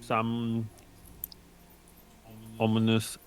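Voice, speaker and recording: A man's voice: on the low side, completely flat delivery, extremely slow, clean tone. A man playing a tabletop game, giving brief, laid-back replies. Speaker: player. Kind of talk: casual tabletop game chat.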